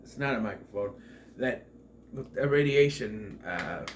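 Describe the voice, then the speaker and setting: He's in his thirties, with a fairly low, animated voice and a measured pace, though a cold makes him congested and nasal. His casual film review wanders, cracking jokes and correcting itself along the way. The recording picks up room echo and background noise from a mic placed far away.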